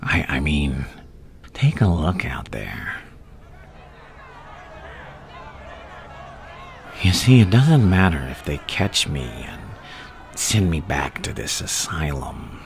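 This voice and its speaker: A man playing a gleefully insane, menacing supervillain clown in an ASMR roleplay, with a gravelly, breathy half-whisper and a taunting, theatrical delivery. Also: a bass voice, full character voice. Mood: taunting, musing. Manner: slow, taunting, theatrical, swinging between murmurs and louder bursts. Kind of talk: ASMR roleplay monologue addressed to the listener.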